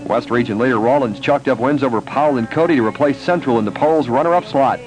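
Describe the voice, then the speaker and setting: A man co-hosting a radio show, reading sports news in a steady way. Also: mid-range voice, quick pace, soft background music, low-quality recording. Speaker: radio co-host and news reader.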